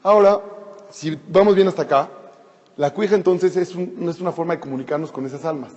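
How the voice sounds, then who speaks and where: A man's voice: fairly high pitch, a little fast, darkish tone. A man teaching a Torah class, explaining and retelling a scripture story in a conversational way with frequent restarts. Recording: lo-fi with long hall reverb.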